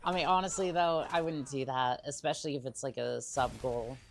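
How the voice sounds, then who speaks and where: A woman's voice: a bass voice, fairly even intonation, a little fast, a little hiss or hum. A woman livestreaming a video game, chatting casually with playful teasing and hesitant musing aloud. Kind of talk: casual chat over gameplay with in-character asides.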